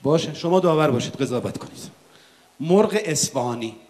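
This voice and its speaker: A man's voice: a little high, expressive, darkish tone. Teasing male stage host. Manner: teasing, exasperated straight man. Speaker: stage host of comedy sketch. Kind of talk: stage comedy sketch. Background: live audience.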